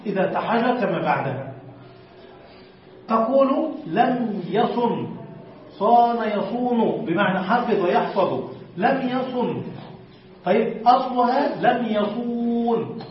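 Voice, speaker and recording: Male teacher, high voice, patient step-by-step explainer who quizzes the class. Boomy room, far-off muffled mic. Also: expressive, a little slow, slight background noise. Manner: explains step by step, quizzes students, drags out example words. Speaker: teacher of Arabic morphology. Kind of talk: classroom lesson. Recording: echoey room, distant dull lo-fi mic.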